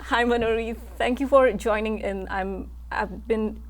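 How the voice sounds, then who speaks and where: A woman's voice: on the high side, steady tone, unhurried, a little hiss or hum. A woman hosting an interview, friendly and eager, introducing her guest with some hesitant fillers. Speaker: host.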